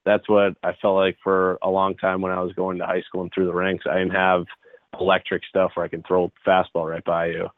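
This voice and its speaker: A young man in his twenties from the Chicago area calls in from a narrow, tinny phone line, with nothing around his voice but the call itself. His low voice stays flat and even as he rambles through a casual chat, leaning on "like" over and over. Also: a little fast, no echo. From Chicago area, United States. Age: 20s. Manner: loose and rambling, heavy on filler "like". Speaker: guest, baseball pitcher.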